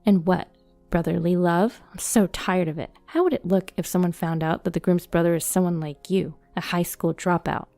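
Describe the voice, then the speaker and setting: A woman's voice: lowish voice, fairly even intonation, moderate pace, no room sound, soft background music, close to an everyday voice. A woman voicing a haughty, irritable young bride who talks sharply and scornfully in a storybook reading. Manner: sharp, scornful and stammering when cornered.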